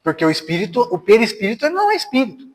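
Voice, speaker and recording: This Brazilian spiritist speaker talks quickly, his high voice swinging hugely in pitch, as he lectures in a spiritist center hall with a reverberant sound. He speaks with a Brazilian Portuguese accent, telling personal stories conversationally and tossing rhetorical questions at the audience.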